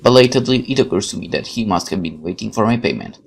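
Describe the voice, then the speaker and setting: This let's player has a lowish, slightly rough voice with vocal fry, and he talks fast and animatedly. For his viewers, he performs visual novel narration like a dramatic storyteller while musing aloud.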